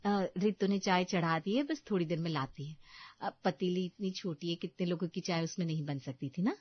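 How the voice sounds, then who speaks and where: A woman's voice: lowish voice, fairly quick, no room sound, lo-fi sound, lightly acted. A woman voicing a tired young daughter-in-law who explains politely and pleads in a cartoon story. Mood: hesitant. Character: weary put-upon young daughter-in-law.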